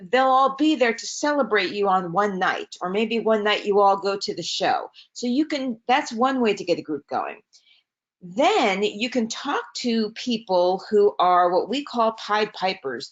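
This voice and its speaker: A woman teaching a live webinar over a video call, chatty and quick to correct herself as she goes. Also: mid-range voice. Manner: chatty, self-correcting, lively asides. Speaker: webinar trainer. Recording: slightly dull, lo-fi webinar audio.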